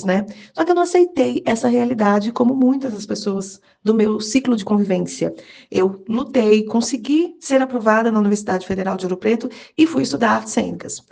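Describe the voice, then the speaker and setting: A woman, teaching a live online class. She talks quickly and keeps up a chatty, encouraging flow, often checking in with her listeners through a video-call microphone. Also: a little high, vocal fry, a little mellow, breathy edge. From Minas Gerais, Brazil. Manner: chatty and encouraging, with frequent tag questions to the class. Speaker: workshop instructor and cultural producer.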